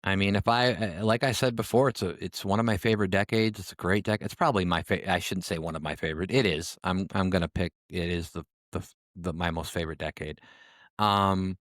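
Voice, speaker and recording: A man's voice: sits low, fairly even intonation, a little fast, fairly bright tone, no echo. A man in his forties co-hosting a podcast in casual chat, with a dry, self-mocking sense of humor. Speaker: podcast co-host.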